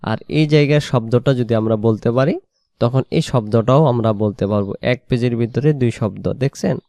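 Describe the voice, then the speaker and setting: A man teaching Quran reading, patiently spelling out and slowly drawing out Arabic syllables and repeating them. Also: medium pitch, mellow, no room sound, studio quality. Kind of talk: spelled-out recitation lesson.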